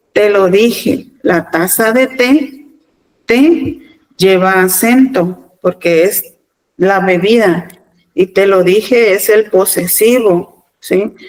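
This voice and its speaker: Slow-spoken Mexican woman teacher. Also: mid-range voice, low-quality recording. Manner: deliberate, repeats words, fills pauses with "este". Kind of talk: virtual class lecture. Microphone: video call.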